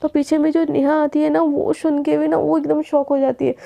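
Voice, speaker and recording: High gravelly woman retelling a story. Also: level tone, normal speed, mellow. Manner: retells a romance story, voicing each character's lines herself. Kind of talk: casual spoken story narration.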